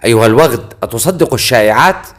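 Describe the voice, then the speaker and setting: A man voicing a furious, panicking fallen king who shouts in desperate outbursts. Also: mid-range voice, expressive, rapid-fire, natural voice. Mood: shocked rage.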